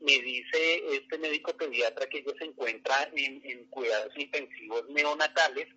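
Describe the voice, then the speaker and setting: A man recounts his story earnestly, pausing on fillers. His voice is sharp and husky, a little high for a man. He comes through a dull phone line. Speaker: guest, father. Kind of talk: personal storytelling in a radio interview.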